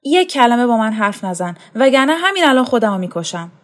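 A woman's voice: a little high, expressive, a little mellow, voice pushed up, lightly acted. Woman putting on a desperate lovesick young man. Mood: despairing. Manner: impassioned, pleading, raised voice. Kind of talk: storytelling reading. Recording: faint music underneath.

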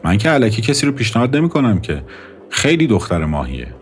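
A man's voice: lowish voice, huge pitch swings, slight background noise. Man voicing a cool, sardonic young woman. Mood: dry, matter-of-fact. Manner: dry, quietly mocking, matter-of-fact.

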